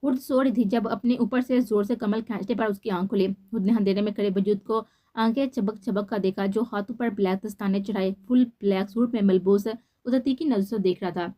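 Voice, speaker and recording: A woman narrating a romance novel in a steady storytelling manner. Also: medium pitch, fairly quick. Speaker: novel reader.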